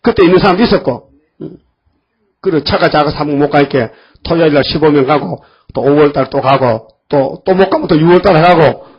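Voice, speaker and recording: An older pastor preaches a folksy sermon, scolding his congregation and acting out the voices of biblical figures. His voice sits on the high side with a breathy edge and a fairly quick pace, captured in a dull lo-fi church recording.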